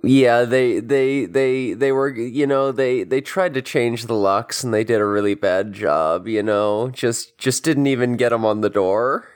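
A podcast host chatting casually, recapping in a halting way and often repeating words. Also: medium pitch, smooth.

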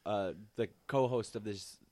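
A man hosting a comedy podcast, telling absurd stories deadpan with lots of ums and uhs. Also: on the low side, measured pace, no echo. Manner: deadpan, absurd jokes with many fillers. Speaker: podcast host. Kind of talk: casual comedic podcast chat.

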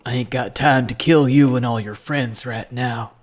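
A gruff, taciturn gunslinger from a comedy radio western, as a man puts him on, speaking in short, clipped lines. His voice is a little husky and sits slightly lower than the man's usual talk. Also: fairly even intonation, moderate pace, close to an everyday voice. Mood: curt. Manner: gruff, clipped, low-key delivery.

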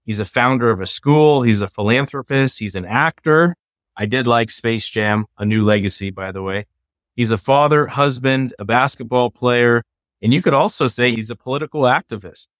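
A middle-aged man, a law professor, explaining ideas in a measured, lecturing way during a conversation. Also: mid-range voice, no echo, clean studio sound.

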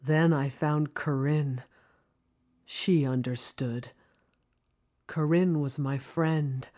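In an audio drama, an actress narrates in the first person as a reflective, lonely woman recalling her childhood. Her voice sits low and warm with a steady tone, and her scripted delivery is wistful and deliberate.

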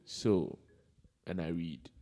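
Low, creaky Ghanaian man hosting a podcast. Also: slow pace, mellow, soft background music. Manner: informal, slangy, repeats words for emphasis. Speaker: podcast host. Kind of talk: casual unscripted podcast chat. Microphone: held microphone in a recorded session.

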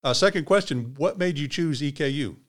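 A man from Kentucky hosting a scripted interview podcast in a measured, encouraging way. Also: fairly high pitch, expressive. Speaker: podcast host.

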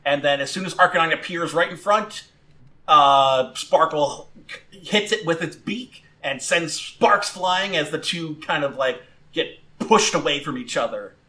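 A man narrates a tabletop creature battle as game master, rambling through fillers and restarts. His voice is bright and sits a little high. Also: expressive, measured pace.

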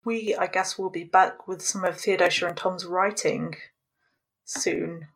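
A woman's voice: on the low side, fairly even intonation, unhurried, slightly rough. A woman co-hosting a podcast, chatting casually and jumping around between anecdotes. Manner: digressive, rambling. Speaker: podcast co-host.

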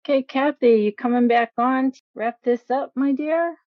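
A woman's voice: sits high, moderate pace, dry recording, highs cut off, faint music behind. A woman co-hosting in casual chat, affectionate with the people she addresses. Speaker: co-host.

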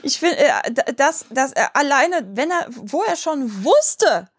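A woman co-hosting a casual chat who teases her partner and reacts quickly. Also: high-pitched, very animated, no room sound, clean studio sound.

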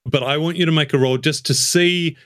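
A man narrating as game master of a tabletop game, measured and descriptive. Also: on the high side, fairly even intonation, clear, resonant tone, no room sound, clean studio sound.

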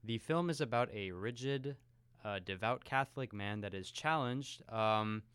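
A man co-hosting a film podcast, talking in a relaxed, conversational way. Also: fairly low pitch, measured pace, clear, resonant tone, no echo. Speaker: podcast co-host. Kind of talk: casual film podcast chat.

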